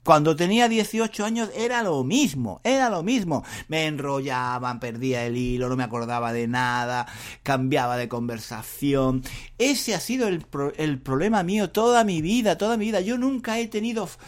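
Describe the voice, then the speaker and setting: A middle-aged man with a Spain Spanish accent, a Spanish teacher hosting a podcast, who talks fast, rambles and makes fun of himself in a lively, jokey way. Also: on the high side. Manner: rambling and self-mocking, fast talking. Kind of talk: casual podcast monologue for learners.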